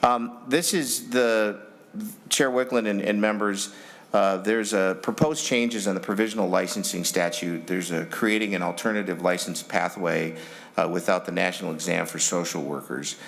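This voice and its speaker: A man presenting a bill as a legislator, semi-formal and halting, rambling in broken phrases. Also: deep voice, creaky, fairly bright tone.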